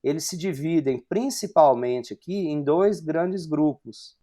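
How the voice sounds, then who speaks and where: A man in his forties from Brazil teaches a university class online, talking to the whiteboard as he works through it. His voice sits a little high for a man, and he keeps checking in with rhetorical questions and short fillers. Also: unhurried, mellow. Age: 40s. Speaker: university lecturer.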